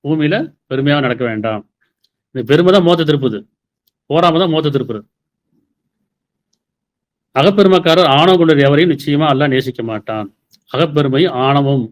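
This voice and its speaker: A man giving a sermon, explaining scripture verses and asking rhetorical questions. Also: a little high. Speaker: preacher.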